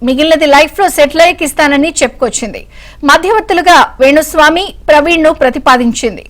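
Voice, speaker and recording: A woman's voice: high voice, fast talker, a bit bright. A woman reading scripted news narration as a voice-over reporter.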